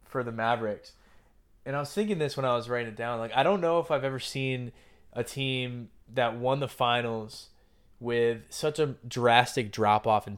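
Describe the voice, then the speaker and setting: A man hosting a podcast, talking basketball in a casual, opinionated way and often restarting his sentences. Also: medium pitch. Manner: conversational, opinionated, frequent restarts. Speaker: podcast host.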